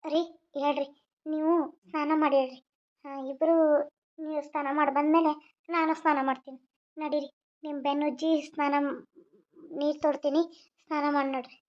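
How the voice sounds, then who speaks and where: A woman's voice: sits high, level tone, a little fast, pauses often, natural voice. A woman voicing an anxious but caring young newlywed queen in a cartoon, fretting to herself and coaxing her husband. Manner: frets in whispered-style asides, coaxing to her husband. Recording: dull lo-fi audio.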